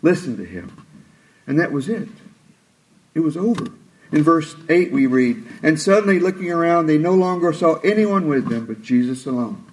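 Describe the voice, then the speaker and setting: A man preaching a sermon, retelling scripture expressively and acting out the quoted lines. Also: poor audio. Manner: expressive, acts out quoted lines with rising pitch and slowed delivery.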